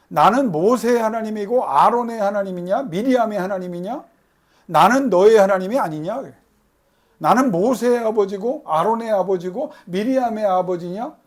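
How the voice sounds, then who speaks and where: A male pastor gives voice to God as a father who reproaches his people. The voice rises loud and high, hurling indignant questions. It stays close to the preacher's own speaking voice. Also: heavily acted.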